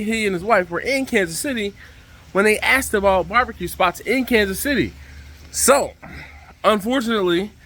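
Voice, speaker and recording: A man hosting a casual vlog to camera, speaking outdoors over the rushing water of a waterfall by a pool. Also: high voice, sharp tone. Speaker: vlog host.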